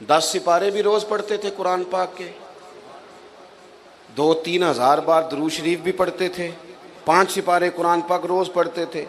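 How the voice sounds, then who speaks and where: A man delivering a religious sermon, telling stories and acting out the voices in them. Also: a little high. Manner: animated storyteller, acts out quoted voices. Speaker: Islamic preacher. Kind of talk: Urdu religious sermon with storytelling.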